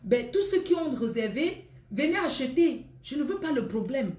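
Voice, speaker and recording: High-voiced woman scolding her live viewers. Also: very animated, moderate pace, darkish tone, echoey room. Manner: scolding, teasing, laughing. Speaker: online clothing seller on live stream. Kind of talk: casual live-stream chat with viewers.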